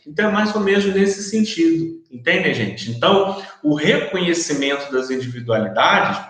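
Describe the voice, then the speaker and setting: A man's voice: on the high side, expressive, moderate pace, a bit bright. Man lecturing in a very echoey room. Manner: explanatory, checks understanding with frequent tags. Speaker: university lecturer. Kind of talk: recorded online lecture.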